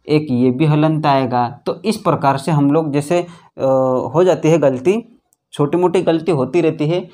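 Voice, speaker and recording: A man's voice: a little high, a little mellow. A man teaching a grammar lesson who keeps asking the class questions and then answering them himself, stretching out single letters and syllables as he spells. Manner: repeats questions to students, calls them friends; slow, drawn-out syllables when spelling letters.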